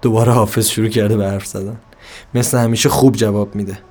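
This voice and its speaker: A man narrating an introspective dramatic monologue in a brooding, halting, bitter way. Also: on the low side, fairly even intonation, a little mellow, faint music behind.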